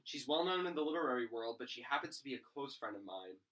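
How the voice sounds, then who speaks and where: A man's voice: medium pitch, expressive, fast talker, lightly acted. A man playing an upbeat male late-night talk-show host with showy patter, in an amateur school role-play. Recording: distant mic with loud background noise.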